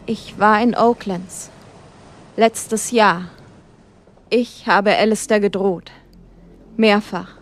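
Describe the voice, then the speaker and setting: A woman voicing a frail old man who pleads and preaches slowly and loudly in a storybook drama. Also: mid-range voice, fairly even intonation, natural voice. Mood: confessing.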